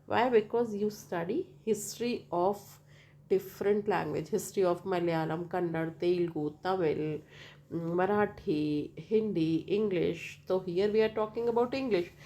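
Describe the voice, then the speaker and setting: A woman with an Indian accent giving a lecture explanation as a teacher, halting and repetitive, often checking in with "right?". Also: on the low side, mellow. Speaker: linguistics teacher.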